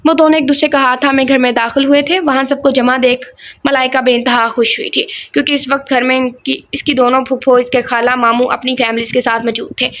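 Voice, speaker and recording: A woman narrating a romance audio novel in a calm, steady reading voice. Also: high voice.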